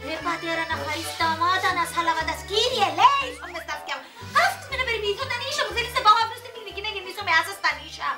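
A giggly Cypriot village daughter. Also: female voice, very high-pitched, lively intonation, hardly any pauses, bright, forceful tone, echoey room, recorded from a distance, soft background music, heavily acted. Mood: teasing. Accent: Cypriot Greek.

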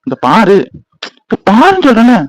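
A man's voice: very high voice, huge pitch swings, no echo, exaggerated voice, poor audio. A man voicing a loving young husband in a cartoon, earnest and reassuring. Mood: soothing. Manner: soothing, coaxing, explaining quickly.

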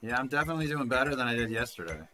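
Expressive and rapid-fire, this man's medium-pitched voice is bright and forceful, with soft music in the background. He's a thirtysomething retro gaming host casually commenting on a handheld game from his home desk mic, rambling and cursing now and then.

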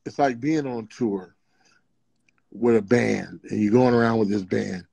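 A man who is a podcast guest, telling stories in casual chat and acting out quotes in high voices. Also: unhurried, creaky, mellow, slightly rough.

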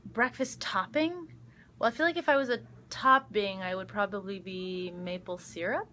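Young actress, casual live-stream chat, bright tone, chatty with lots of ums. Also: female voice, medium pitch, normal speed, slight background noise. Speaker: actress answering fan questions. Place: backstage dressing room. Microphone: phone livestream.

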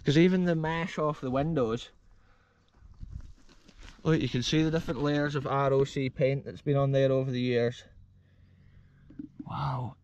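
Out in an open grassy field, an enthusiastic Scottish explorer vlogger in his thirties talks to "folks" through an action camera held close as he walks. His mid-range voice is fairly even, a little slow and a little mellow, with frequent pauses. The recording is muffled, with slight background noise.

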